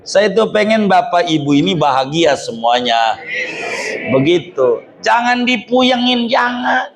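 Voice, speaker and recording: A man's voice: high voice, sing-song, measured pace, vocal fry, fairly bright tone, a little hiss or hum. A man giving a joking, colloquial Islamic study sermon to a gathering. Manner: joking, colloquial Jakarta slang. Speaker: religious teacher.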